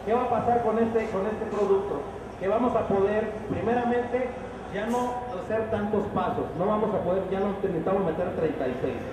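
A middle-aged man with a fairly high voice leads a live sales demonstration, talking into a handheld mic. His words bounce around a big roofed expo hall and reach the camera from far off, with a steady hum of noise behind him. He explains each step and keeps checking that the crowd is following. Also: moderate pace. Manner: explanatory, asks the crowd frequent checking questions. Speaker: product demonstrator. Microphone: handheld microphone.

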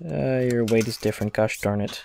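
A man's voice: mid-range voice, brisk, creaky, darkish tone, slight background noise. A man casually commenting as he plays a video game, chatting and reading its text aloud. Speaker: let's play host.

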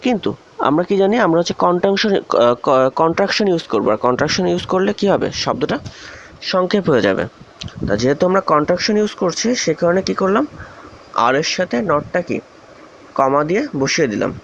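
A man from Bangladesh teaches English grammar in a recorded video lesson, his voice sitting a little high. He keeps asking questions aloud and then answers them himself. The recording is muffled and lo-fi, with a faint hiss underneath. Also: very animated, a little fast.

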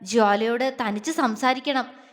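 A woman's voice: fairly high pitch, a little slow, big-room sound, natural voice. Woman doing a jealous hot-tempered young man. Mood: brooding.

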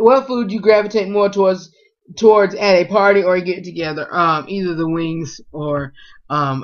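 This casual food tag vlog features a young man whose voice is on the high side with a fairly bright tone. He reads the questions and answers them with many fillers, recorded indoors in a small home room on a close webcam with dull, lo-fi audio.

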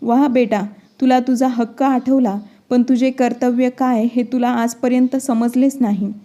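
A woman's voice: a little high, level tone, a little slow, natural voice. A woman voicing an elderly widowed mother who firmly scolds her son and daughter-in-law. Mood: defiant. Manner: forceful, scolding reading.

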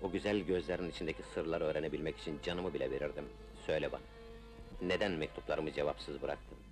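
A man's voice: a bass voice, fairly even intonation, fast. An actor playing an ardent, resolute Ottoman officer in an old film melodrama, speaking in solemn, poetic declamation. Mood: lovestruck, tender. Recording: old film soundtrack with music. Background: film music.

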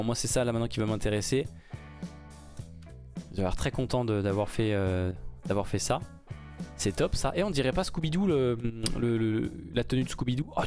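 A man giving casual, excited commentary while reacting to a game trailer, rambling with many fillers and restarts. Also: mid-range voice. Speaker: gaming YouTuber reacting to a trailer.

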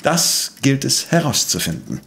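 An actor playing an exacting, self-assured professor and amateur sleuth in a German audio drama, speaking precisely and pompously. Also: male voice, mid-range voice, sing-song, measured pace, fairly bright tone. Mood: analytical, assured.

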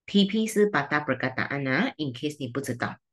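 Woman tutor, Malaysian Mandarin accent, low voice, brisk and teasing, switches between languages. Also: lively intonation. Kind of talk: online seminar lesson.

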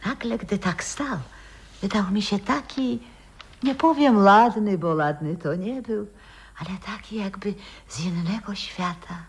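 In a 1960s radio play, an actress voices a proud, wistful grandmother who once sang opera, recalling her past in a halting, theatrical manner. Her voice sits in the mid range with a breathy edge.

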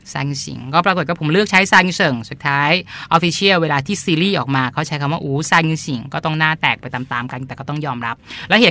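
A man's voice: on the high side, creaky, pushed and bright. A man hosting a podcast, chatting casually as he explains terms and often repeats them with polite particles. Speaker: podcast host and translator.

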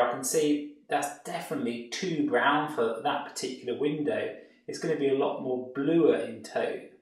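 A man, an art tutor, explaining painting steps in a relaxed way as he works. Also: medium pitch, creaky, distant mic. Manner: relaxed, explanatory, thinking aloud while painting. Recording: very echoey room, off-mic.

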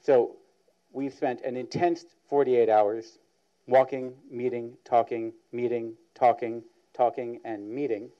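A man opening a public presentation, laying out questions in a measured way. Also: medium pitch, fairly even intonation. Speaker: panel moderator. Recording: dull lo-fi sound.

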